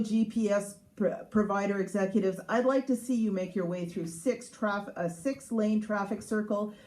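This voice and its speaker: A Canadian woman reads aloud from her own humorous memoir at a live showroom event, sounding sarcastic, emphatic and mock-exasperated. Her mid-range voice has a darkish tone, and the recording is rough.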